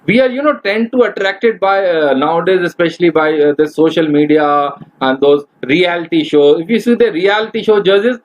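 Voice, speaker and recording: A man leads a webinar as a corporate trainer, speaking in a fairly high voice. He gives direct, step-by-step advice and calls his listeners guys. The sound is dull and lo-fi, picked up by a computer mic on a video call. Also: moderate pace, few pauses. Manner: instructive and direct, addressing the audience as guys. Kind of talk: webinar lecture.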